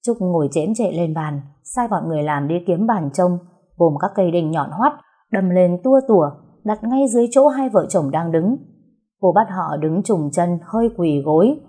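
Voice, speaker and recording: Low, husky woman narrating. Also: dark tone. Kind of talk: storybook narration.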